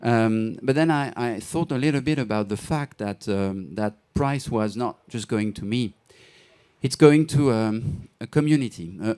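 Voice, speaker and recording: A man giving a hesitant award ceremony speech, pausing often with fillers before announcing a winner. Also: fairly low pitch, mellow. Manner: hesitant, halting with many fillers. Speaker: award presenter.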